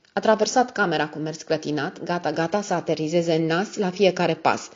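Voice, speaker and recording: Woman narrator, audiobook reading, low-pitched, muffled lo-fi recording. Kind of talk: scripted narration. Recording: dull lo-fi audio.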